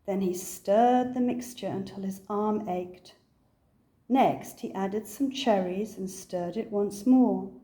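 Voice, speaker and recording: Taking the role of storyteller, an older woman with a medium-pitched voice performs a children's picture book, her delivery careful, measured and expressive.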